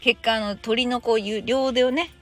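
A young woman hosting a casual solo podcast, chatty and animated, with laughing asides. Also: fairly high pitch, normal speed, faint music behind. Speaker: podcast host.

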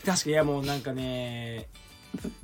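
A man co-hosting a casual podcast, chatting eagerly and reacting quickly to the others. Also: medium pitch, steady tone, soft background music. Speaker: podcast co-host. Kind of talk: casual chat.

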